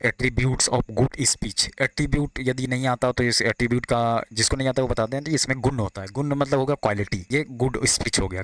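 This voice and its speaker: A man giving a lecture, explaining in Hindi and reading out English definitions slowly. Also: medium pitch, a bit bright. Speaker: teacher. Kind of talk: classroom lecture.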